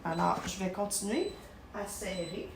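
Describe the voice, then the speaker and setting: A woman's voice: medium pitch, unhurried, vocal fry, very noisy. A woman with a Québécois French accent, chatting casually through a live product demonstration in her home kitchen, recorded on a phone, sometimes stumbling over her words.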